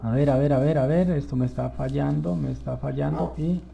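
Gravelly, excitable gaming commentator man. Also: on the high side, brisk, noisy background. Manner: enthusiastic, easily excited, addresses viewers as "señores". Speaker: gameplay video host. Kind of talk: live gameplay commentary.

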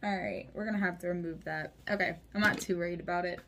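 Speaking quickly in a fairly low, fairly even voice, a slightly congested woman in her thirties giggles through a casual at-home makeup tutorial. She's in a small indoor room, close to the camera in front of her, and the background is noisy.

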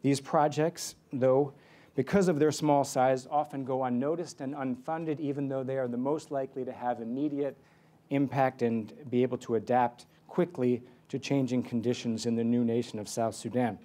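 Guy giving a keynote, dark mellow voice, wry storytelling at a podium. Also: medium pitch, fairly even intonation, normal speed. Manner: self-deprecating storytelling at a lectern. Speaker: keynote speaker. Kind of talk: conference keynote speech. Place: large conference hall stage. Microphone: lectern microphone.

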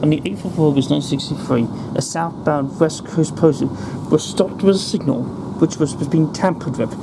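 A man's voice: a little high, moderate pace. Man filming a train ride. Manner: rambling, with fillers and restarts. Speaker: railfan vlogger. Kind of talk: casual commentary on a train ride. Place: inside a moving passenger train. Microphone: handheld camera. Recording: loud train noise behind.

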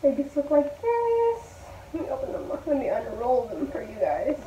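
A young woman in her twenties vlogging casually as she packs clothes, talking to viewers and thinking aloud. She records herself on a phone set low in a small bedroom. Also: wildly swooping pitch, moderate pace, dark tone, a little hiss or hum. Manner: chatty, thinking aloud while packing clothes. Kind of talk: casual packing vlog. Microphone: phone camera set low on the floor. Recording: echoey room, tinny phone-like sound.

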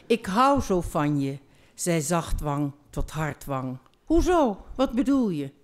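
Older woman reading poems on stage, slow and low, lively in dialogue. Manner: chatty, self-deprecating, lively when reading dialogue. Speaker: poetry reader on stage. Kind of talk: poetry reading. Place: theatre stage.

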